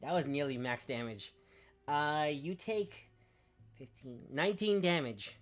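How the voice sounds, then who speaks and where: Low-voiced woman running a tabletop game. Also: a little slow, faint music behind. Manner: playful, laughs often. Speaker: game master.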